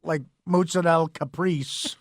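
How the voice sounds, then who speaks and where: Jersey-accented male co-host, wisecracking, raspy gravel in a high voice. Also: steady tone, no echo. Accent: New Jersey. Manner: wisecracking, quick to laugh. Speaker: radio show co-host. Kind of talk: casual banter.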